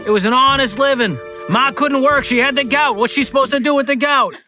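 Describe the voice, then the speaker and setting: Casting: male performer as brash, indignant Long Island wiseguy, sarcastic and combative, high bright voice, online comedy bit. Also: brisk, faint music behind. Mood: pleading defensive. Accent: Long Island New York. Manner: sarcastic mock reading, exaggerated and combative. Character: loud, indignant working-class Long Island Italian-American wiseguy.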